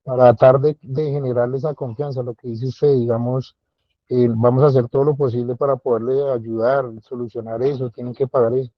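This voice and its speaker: A man's voice: medium pitch, little pitch movement, brisk, no echo, muffled recording. A man, a student answering his instructor politely in class. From Colombia. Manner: polite, deferential.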